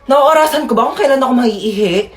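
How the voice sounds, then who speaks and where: A woman playing several comic characters in short sketches, talking in an animated way and sometimes shouting. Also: high-pitched, brisk. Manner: animated, shifts between shouting and mock-sulking. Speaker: comedy sketch creator. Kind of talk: skit comedy acting.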